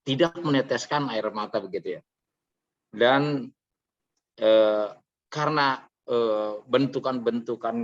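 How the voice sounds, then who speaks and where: Gravelly man giving a halting personal testimony. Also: fairly low pitch, highs cut off. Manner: earnest, confessional, halting with frequent fillers. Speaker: training participant sharing his experience.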